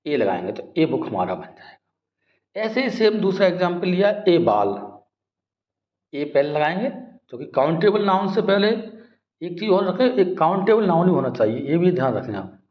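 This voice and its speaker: A man's voice: sits high, very animated, normal speed. A man teaching English grammar in a lesson, explaining step by step, asking questions back and repeating words. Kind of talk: classroom-style grammar lesson. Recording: echoey room, dull lo-fi sound.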